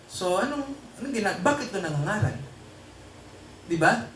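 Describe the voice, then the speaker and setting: A man's voice: high voice, big pitch swings, normal speed, a bit bright, far from the mic, a little hiss or hum. A man preaching a sermon in a church hall and quizzing the congregation with repeated tag questions, then leading them in prayer. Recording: echoey room, voice from off-mic, faint ambience.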